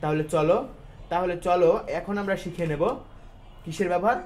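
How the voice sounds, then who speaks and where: A man with a high voice teaches a grammar lesson, walking through each rule step by step. He keeps asking questions and then answering them himself, in a casual way with English words slipped in. A faint hiss of noise sits under the recording. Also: fairly even intonation, a little fast, darkish tone. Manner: colloquial, mixes in English words.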